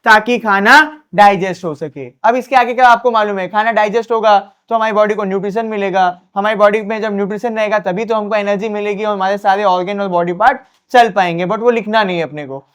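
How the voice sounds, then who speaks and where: A man's voice: high voice, steady tone, a little fast, few pauses, fairly bright tone, clean tone. A man teaching a board exam science lesson, asking questions and answering them himself. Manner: repetitive, drilling.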